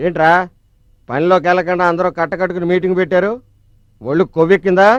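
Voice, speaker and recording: High-voiced blustering film villain boss, played by a man. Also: fairly even intonation, quick pace, no echo, dull audio, lightly acted. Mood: menacing contempt. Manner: blustering, menacing. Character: bullying male boss villain, threatening, then craven when cornered. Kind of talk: Telugu film villain acting.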